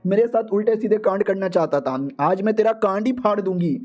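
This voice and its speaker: A man's voice: sits high, a little fast, darkish tone, close to an everyday voice. A man voicing an angry young swordswoman, furious and scolding.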